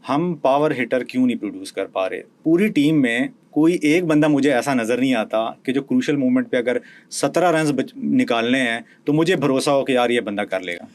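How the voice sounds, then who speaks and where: Pakistani host asking about cricket. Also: male voice. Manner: low-key, keeps agreeing with short murmurs. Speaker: podcast host. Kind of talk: podcast interview.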